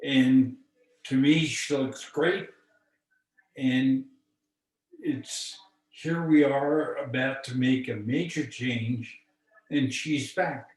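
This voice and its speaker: Guy teaching real slow on a video call, sounds far off and echoey. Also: mid-range voice, steady tone, a little mellow. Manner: slow and deliberate. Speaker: spiritual teacher.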